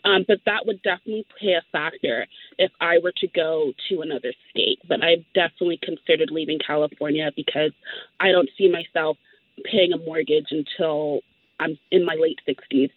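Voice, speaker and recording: A woman's voice: low voice, steady tone, a little fast, breathy edge, no room sound. Young woman caller on a tinny phone. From Los Angeles. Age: late 20s. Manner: enthusiastic and talkative, with fillers. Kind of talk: call-in conversation. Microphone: phone line.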